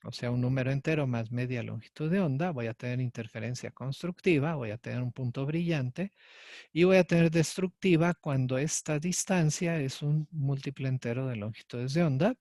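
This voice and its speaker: A man's voice: mid-range voice, moderate pace, darkish tone, dry recording, clean studio sound. A man, a university lecturer explaining a physics lesson to students and checking in with them often. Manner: explanatory, addresses students directly with frequent "¿sí?" and "ok". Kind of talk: recorded lecture.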